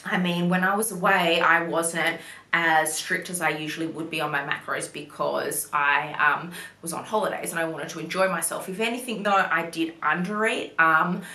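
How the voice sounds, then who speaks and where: This young woman vlogs casually to camera in a lowish, bright and forceful voice, peppering her speech with "like" and small apologies. The recording has a roomy echo.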